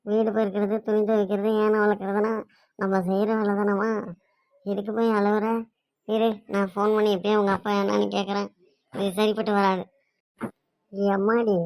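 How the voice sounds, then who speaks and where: A woman's voice: mid-range voice, darkish tone, dry recording, studio quality, natural voice. A woman voicing a scolding, self-pitying old mother-in-law in a cartoon comedy, complaining and grumbling on and on.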